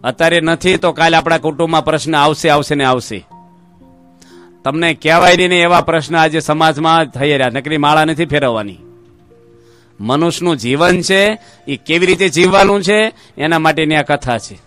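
A man's voice: fairly high pitch, moderate pace, fairly bright tone, soft background music. A man, a monk giving a sermon to a seated gathering and telling anecdotes. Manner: storytelling, briefly acting out the people in his stories. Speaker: monk giving a religious discourse. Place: religious gathering before a seated audience.

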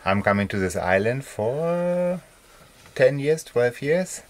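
A man's voice: mid-range voice, slow, a little hiss or hum. A man chatting casually to the camera as a travel vlogger, outdoors on a small island by the sea. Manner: relaxed, chatty, laughs often. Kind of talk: casual vlog narration.

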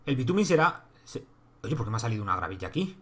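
Streaming live gameplay, a Spanish man speaks rapid-fire in a mid-range voice that is fairly bright, slightly rough and full of big pitch swings. He swears freely and chats casually with himself and his viewers, with keyboard typing and clicks in the background.

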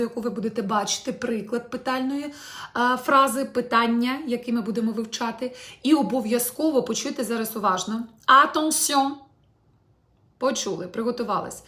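Woman, pronunciation teacher, somewhat high voice, lively and direct, repeats French sounds slowly for learners to copy. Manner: animated, drills French phrases slowly and clearly; addresses viewers warmly as "my dear ones". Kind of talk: online video lesson.

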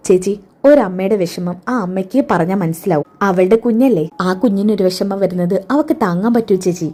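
Woman voicing determined young friend, firm, quick, mellow. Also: mid-range voice, close to an everyday voice. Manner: firm, resolute.

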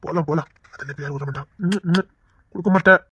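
A man playing a fast-talking flirtatious boss. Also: on the high side, pushed and bright, husky, muffled recording, exaggerated voice. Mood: teasing. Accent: Tirunelveli Tamil. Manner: wheedling, teasing. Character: flirtatious male office boss, teasing and pleading. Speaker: office boss. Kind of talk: village web-series acting.

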